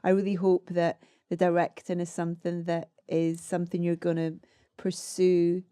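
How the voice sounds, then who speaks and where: A woman's voice: lowish voice, monotone, moderate pace, mellow, clear, resonant tone, no room sound, studio quality. A woman hosting an interview, reassuring her guest and speaking with fan-like enthusiasm. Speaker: interviewer host. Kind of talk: casual interview chat.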